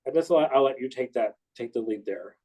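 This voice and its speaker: A man in his sixties interviewing, who speaks haltingly with many fillers and restarts. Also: mid-range voice, expressive, dark tone, breathy edge, low-quality recording. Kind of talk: conversational interview.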